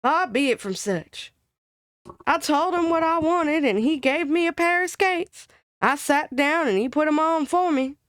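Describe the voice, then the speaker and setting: A woman's voice: high voice, expressive, a little slow, no room sound, studio quality, voice pushed up. A woman doing a gabby old-timey shopgirl. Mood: gossipy. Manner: gabby, colloquial, exaggerated storytelling. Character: chatty working-class young woman, comic, dramatic. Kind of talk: old-timey comic monologue reading.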